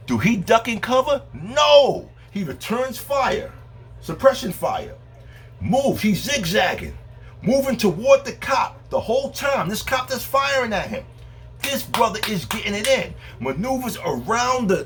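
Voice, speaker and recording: A man's voice: mid-range voice, a little hiss or hum. A man delivering a heated, profane monologue to camera as a video host. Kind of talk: angry ranting monologue.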